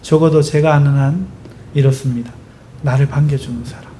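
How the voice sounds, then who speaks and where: A male pastor preaching a sermon, driving it with lively rhetorical questions and emphatic stress. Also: on the high side, fairly quick, slight background noise.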